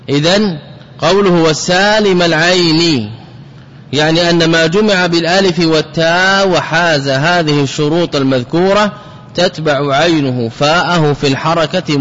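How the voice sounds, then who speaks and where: A man giving a classical Arabic grammar lesson, explaining slowly, repeating example words and asking rhetorical questions. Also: a little high, fairly bright tone. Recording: dull audio with long hall reverb.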